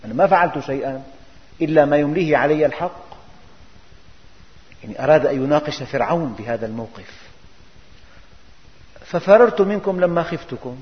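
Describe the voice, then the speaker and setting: Preacher, high voice, echoing hall. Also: male voice. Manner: rhetorical questions, emphatic. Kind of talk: religious lesson explaining scripture. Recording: dull recording, long hall reverb.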